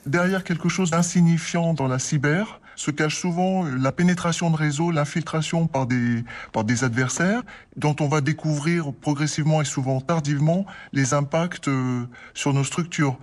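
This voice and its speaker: An anonymous man in a recorded interview excerpt, his voice disguised with a voice changer, speaking haltingly with frequent filler pauses. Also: a little high.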